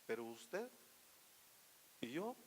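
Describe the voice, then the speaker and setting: A man preaching a sermon as pastor, emphatic and full of rhetorical questions, his delivery swinging between loud and hushed. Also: medium pitch, big pitch swings, takes it slowly, slight background noise. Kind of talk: Spanish-language sermon. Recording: long hall reverb.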